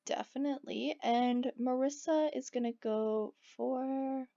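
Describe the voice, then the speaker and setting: In this dull lo-fi recording, a woman gamer offers casual commentary on a life-sim game. Her voice sits high, gravelly and mellow, with fairly even intonation and a slow pace, and she keeps drifting into asides for her viewers.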